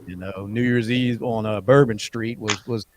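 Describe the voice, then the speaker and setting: A man's voice: on the low side, steady tone, normal speed, slight background noise. A man hosting a casual podcast chat, rambling and dropping plenty of "you know" fillers. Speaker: podcast host.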